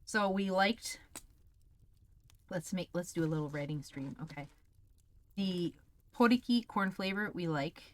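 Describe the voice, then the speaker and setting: Taste-testing snacks on her livestream, this host chats casually in a candid, exclamatory way, swearing plenty. She speaks in a lowish voice at an unhurried pace, leaving long pauses.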